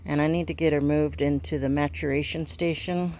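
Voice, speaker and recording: A man narrating a casual vlog outdoors in a garden, thinking aloud in a halting way. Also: fairly high pitch, little pitch movement, darkish tone. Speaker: gardening vlogger. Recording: outdoor ambient noise.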